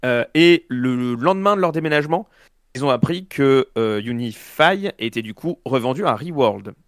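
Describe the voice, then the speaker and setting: Man, slight lisp with slushy s, mid-pitched, slangy and sarcastic, casual panel discussion, dry sound. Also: animated, moderate pace, no echo. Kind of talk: casual spoken news discussion.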